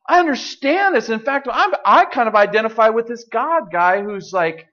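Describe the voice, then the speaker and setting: A man preaching a sermon in an animated, joking way, putting questions to the congregation. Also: sits high, lo-fi sound. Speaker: pastor.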